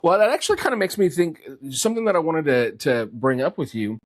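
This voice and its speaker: A man's voice: a little high, sing-song, quick pace, no room sound, clean studio sound. A middle-aged man hosting a podcast interview, hesitant and searching for his words. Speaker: podcast host.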